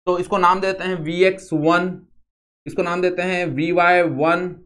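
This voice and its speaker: A young man with an Indian accent giving a physics lesson, going slowly step by step and often asking the class yes or no. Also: high-pitched, steady tone, a bit bright. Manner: repeats steps, quizzes students often. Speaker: physics teacher. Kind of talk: classroom lecture.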